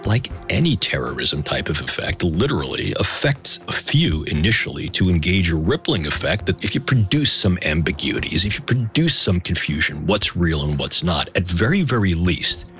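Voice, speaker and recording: A man's voice: deep voice, sing-song, moderate pace, hardly any pauses, a bit bright. A man giving a formal expert explanation, wordy, precise and academic. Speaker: expert interviewee. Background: music.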